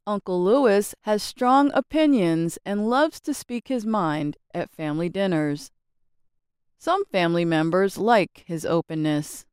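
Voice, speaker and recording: An American woman narrating a scripted English lesson, speaking slowly, carefully and expressively. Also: mid-range voice, a little mellow, clear, resonant tone, no room sound, studio quality.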